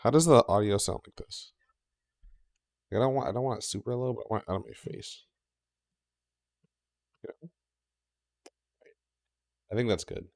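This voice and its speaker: Streamer, male, low gravelly voice, rambling and profane, at a home setup with the mic just under his mouth. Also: moderate pace, pauses often, a little mellow, no room sound, studio quality. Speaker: game streamer. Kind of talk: casual live-stream chat. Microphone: mic just below the mouth.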